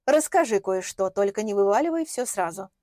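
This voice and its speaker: A woman reading an audiobook, voicing a calm disembodied voice heard inside the heroine's head. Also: medium pitch, a little fast, no room sound, studio quality, lightly acted. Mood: advising. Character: calm disembodied inner voice, advising.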